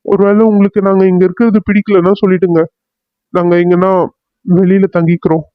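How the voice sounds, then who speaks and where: An earnest young husband in a cartoon serial, voiced by a man, pleading politely to calm his aunt. His voice is fairly high and stays flat. The recording is dry and dull. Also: fairly quick, no room sound, lightly acted. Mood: apologetic. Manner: earnest, apologetic, mixes English words.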